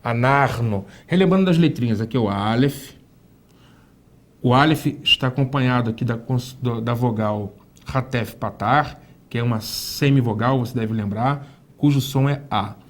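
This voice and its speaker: A man teaching a recorded Hebrew lesson, speaking slowly, repeating words for the student to echo and asking the student questions. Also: medium pitch.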